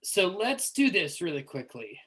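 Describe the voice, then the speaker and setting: Bright-voiced man hosting a tabletop game. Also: high-pitched, big pitch swings, unhurried, slightly rough. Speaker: game master and live stream host. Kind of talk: casual unscripted game-table chat.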